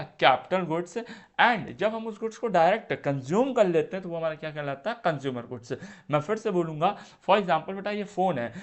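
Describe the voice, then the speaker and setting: A man teaching an exam-prep lecture who asks his students questions and answers them himself, repeats key terms and mixes in English phrases. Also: on the high side. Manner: calls students "beta".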